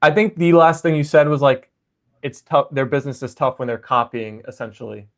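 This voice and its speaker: A man's voice: medium pitch, a little fast. Man hosting over a video call. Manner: loose, lots of "like" and "um". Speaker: livestream host. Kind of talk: casual livestream chat.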